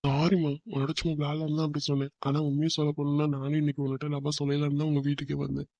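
A man's voice: a little high, completely flat delivery, rapid-fire, darkish tone, dry recording, highs cut off, close to an everyday voice. A man voicing a playful young man in a cartoon, coaxing and apologetic. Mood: pleading. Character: young man, teasing and pleading boyfriend. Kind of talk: cartoon voice acting.

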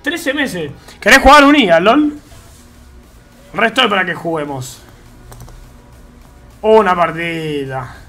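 Brief: Argentine Rioplatense male streamer, slangy and chatty, bright voice, faint game music underneath. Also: high-pitched, expressive, slow pace, pauses often. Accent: Argentine Rioplatense Spanish. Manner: slangy, chatty, talks to chat while gaming. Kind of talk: casual live-stream chat.

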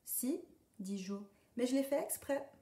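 Storybook figure: a woman doing a sulky, cheeky little duckling boy, high and bratty, mellow tone, recorded in an echoey room. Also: normal speed, lightly acted. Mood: mischievous. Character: little male duckling turned naughty. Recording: echoey room, distant mic.

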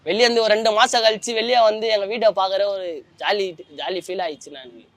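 A man's voice: high voice, fast talker, fairly bright tone, no room sound. A young man, giving a colloquial personal account as a former prisoner, often trailing off as he searches for words. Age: young adult.

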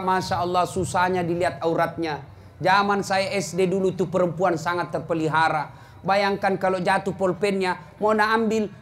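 A middle-aged man preaching a comic sermon to a crowd, swinging from shouts to low mutters as he acts out scenes. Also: a little hiss or hum.

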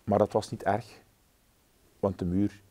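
Brief: man, warm low voice, gentle measured children's story reading. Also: flat delivery. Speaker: storybook reader. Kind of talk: children's story read-aloud.

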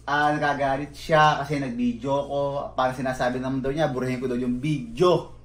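A man's voice: mid-range voice, brisk, reverberant. A Filipino man telling a story casually, acting out both sides of phone calls. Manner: animated retelling, acts out both sides of calls. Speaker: vlogger in clip.

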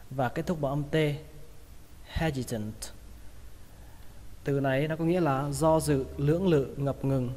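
A man with a Vietnamese accent teaching English vocabulary, repeating each word slowly several times to model its pronunciation. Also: fairly high pitch, darkish tone, in a large hall. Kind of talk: pronunciation lesson.

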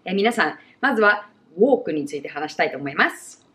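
A young woman with an American accent gives a bilingual pronunciation lesson, slowly and clearly modelling example words. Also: fairly low pitch, expressive, bright, forceful tone. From United States. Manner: slow, exaggerated model pronunciations. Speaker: English pronunciation teacher.

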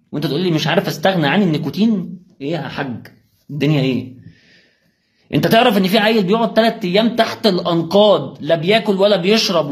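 A young man with an Egyptian accent giving a motivational religious talk, firing rhetorical questions straight at the listener. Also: on the high side. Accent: Egyptian Arabic. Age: young adult. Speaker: preacher.

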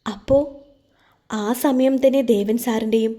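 A woman voicing a gentle, grieving young wife in an audio story, speaking softly and hesitantly. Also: a little high, steady tone, unhurried, lightly acted. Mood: hurt, pleading.

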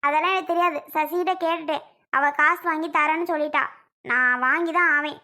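A woman's voice: high voice, fairly even intonation, fairly quick, pushed and bright. A woman playing a quarrelsome, stubborn young wife in a family skit, talking back defiantly. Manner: defiant, argumentative.

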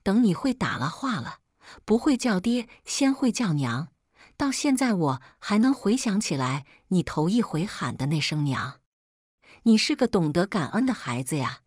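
A woman reading the lines of a gentle, tearful elderly grandmother in a spoken story. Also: lowish voice, breathy edge, no echo, studio quality. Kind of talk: read-aloud storytelling.

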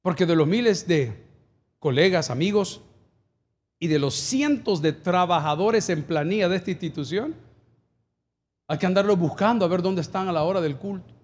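A male pastor preaching a sermon from the stage of a large church, building to emphatic peaks and firing off quick lists. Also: high-pitched, lively intonation. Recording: long hall reverb.

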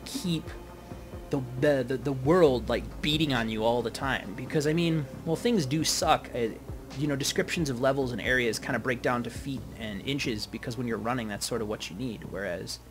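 A man's voice: medium pitch, normal speed. A man giving casual, foul-mouthed and sarcastic let's play commentary as host. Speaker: gaming video host. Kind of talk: casual let's play commentary, reading game text aloud. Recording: game music behind the voice. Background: video game music.

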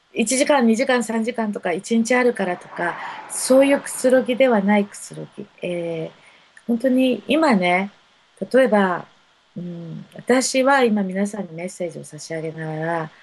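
A woman giving unhurried spiritual messages to viewers of a live stream, speaking gently with many soft fillers. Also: mid-range voice, husky, rough recording. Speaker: spiritual counselor.

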